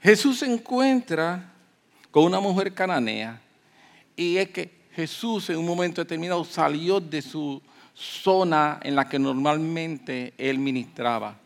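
A man preaching a sermon, moving from calm teaching to loud emphatic peaks and acting out the voices of people in the story. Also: on the high side, unhurried, vocal fry. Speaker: pastor.

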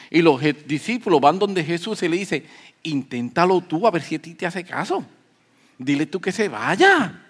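A man preaching a sermon, moving from calm teaching to loud emphatic peaks and acting out the voices of people in the story. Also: on the high side. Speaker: pastor.

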